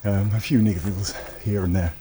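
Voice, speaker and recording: His voice is fairly low and steady, at a moderate pace. He's a British running vlogger casually chatting to camera, and the vlog audio is noisy and clicky.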